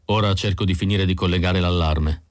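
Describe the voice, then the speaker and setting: A man's voice: low-pitched, fairly even intonation, fairly quick, dry recording, studio quality, lightly acted. A man voicing a cold, calculating male android leader who speaks in a clipped, matter-of-fact way.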